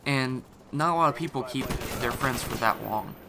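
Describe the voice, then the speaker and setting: A gaming commentator with a medium-pitched, scratchy, irritated-sounding throat rambles casually through voice-over at a moderate pace, full of fillers and restarts. His narration is mixed over loud in-game gunfire and explosions, with crowd noise audible too.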